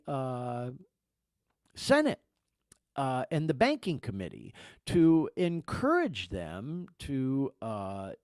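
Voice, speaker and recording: A man's voice: medium pitch, dry recording, studio quality. Emphatic man hosting a podcast. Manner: emphatic, swearing, emotional. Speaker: podcast host. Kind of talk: casual podcast commentary.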